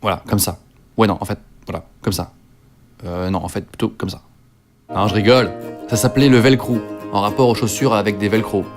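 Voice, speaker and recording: With music behind him, a twenty-something video creator from northern France delivers a self-mocking, humorous account of his life. His voice is lowish and fairly even in intonation, and he speaks a little fast.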